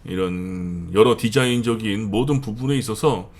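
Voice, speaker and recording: A man's voice: on the low side, moderate pace, darkish tone. Chatty middle-aged man talking to camera. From northern Gyeonggi and Seoul, South Korea. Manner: chatty, with fillers and emphatic repetition. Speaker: channel host. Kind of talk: monologue commentary.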